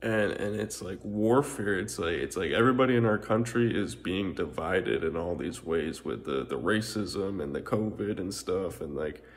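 Deep, creaky-voiced man; rambling, filler-heavy, profane monologue. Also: expressive, moderate pace, few pauses. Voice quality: frequent filler words and swearing, repetitive. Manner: meandering, restarts, occasional laughs.

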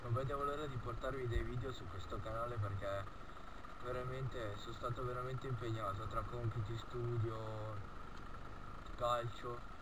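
A man's voice: mid-range voice, fairly even intonation, moderate pace. A teenage boy chatting casually inside a motorcycle helmet as he rides, recorded on an action camera's own microphone. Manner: talking inside a motorcycle helmet while riding. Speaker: motovlogger. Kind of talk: casual chat while riding. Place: outdoors on a moped in town traffic. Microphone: action camera's built-in microphone, no external mic. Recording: loud engine and wind noise, poor camera microphone.

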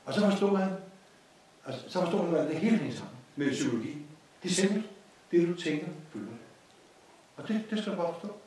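A man with a Danish accent giving an informal course lecture, telling a story with repeated phrases and lively asides. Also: high voice, long pauses. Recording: echoey hall from a distance.

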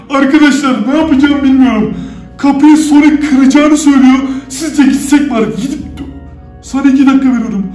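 A male YouTuber at home, chatting excitedly to viewers, loudly claiming to be scared and swearing now and then. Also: very high-pitched. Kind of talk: staged scary chat to viewers. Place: indoors at home. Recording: roomy echo with faint music.

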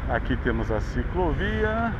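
A man's voice: a little high, sing-song, measured pace. A Brazilian man narrating a city bike ride outdoors, chatting like a tour guide and pointing things out along the way. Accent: Brazilian Portuguese. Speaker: vlogger. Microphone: action camera on handlebars. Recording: dull action-camera audio with street noise.

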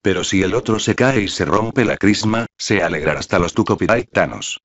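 An audiobook reader voicing a cynical, sharp-tongued man who speaks in a thin, cutting tone. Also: low voice, fairly quick. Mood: caustic. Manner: caustic, sardonic. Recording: dull lo-fi audio.

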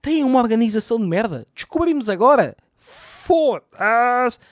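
Swearing, rambling Lisbon comedian. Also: male voice, very high voice, moderate pace, dry recording, studio quality. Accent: Lisbon Portuguese. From Portugal. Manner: swears a lot, rambling and animated. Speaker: podcast host and comedian. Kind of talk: casual solo podcast monologue. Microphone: podcast microphone.

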